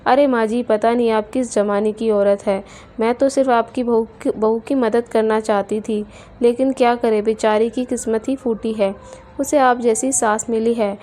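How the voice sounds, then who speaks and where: A woman's voice: on the high side, fairly even intonation, normal speed, mellow, close to an everyday voice. A woman voicing an outspoken young friend. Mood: plain. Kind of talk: storybook character voice.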